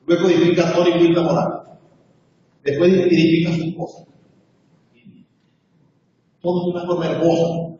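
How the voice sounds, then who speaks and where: A man's voice: a little high, a little mellow, slight background noise. A man in his forties giving an emotional personal testimony to a seminar audience, acting out the conversations he recalls. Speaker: seminar speaker. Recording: echoey hall, distant dull mic.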